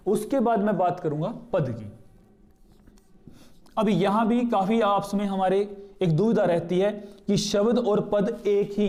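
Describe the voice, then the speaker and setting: High-voiced man teaching Hindi grammar. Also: mellow. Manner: asks questions and answers them himself; repeats key terms slowly for emphasis. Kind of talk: explanatory lesson.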